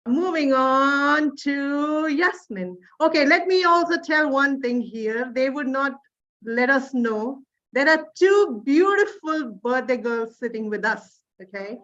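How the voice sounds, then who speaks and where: A woman moderates an online women's session over a video call. Her voice sits high and she talks slowly, encouraging everyone. The call audio is a little dull. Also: expressive, a bit bright. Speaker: session host. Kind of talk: online group meeting moderation.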